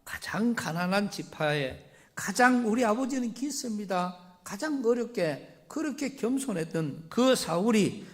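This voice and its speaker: A male pastor with a Gyeongsang accent delivers a sermon in a lively, swooping voice. He moves between loud, emphatic lines and quiet asides as he reads scripture and explains it in everyday words. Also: high voice, unhurried. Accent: Gyeongsang Korean.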